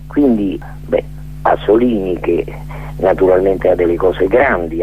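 Over a muffled, tinny phone-like radio line with a faint hiss or hum, an older man's deep, gravelly voice meanders through a philosophical monologue. He is a radio guest who stalls now and then while searching for words.

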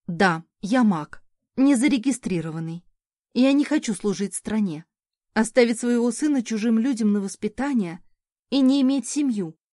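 A woman reading the lines of a defiant young heroine who hides that she is a mage, her voice emotional and sharp in retorts. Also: a little high, animated, moderate pace, no room sound, clean studio sound.

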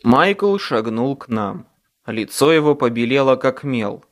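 A man narrating an audiobook in first person with a dramatic, expressive delivery. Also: medium pitch, measured pace.

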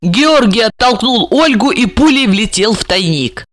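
Male narrator, animated audiobook read, dry close sound. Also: high voice, measured pace, dry recording.

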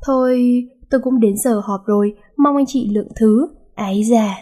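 A woman voicing a blustering, proud middle-aged father who scolds loudly. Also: fairly high pitch, moderate pace, natural voice. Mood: polite, sly. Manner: loud, scolding.

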